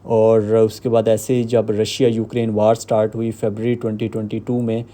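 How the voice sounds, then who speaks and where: A man giving a screen-recorded software walkthrough, explaining step by step with filler pauses. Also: fairly low pitch, monotone. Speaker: software tutorial host.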